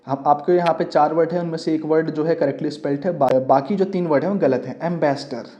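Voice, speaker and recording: A man's voice: fairly high pitch, steady tone, fast talker, warm tone. A man teaching an exam-prep English lesson, mixing English terms into his explanations and constantly asking students questions that he answers himself. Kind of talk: classroom-style exam lesson. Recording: dull lo-fi audio.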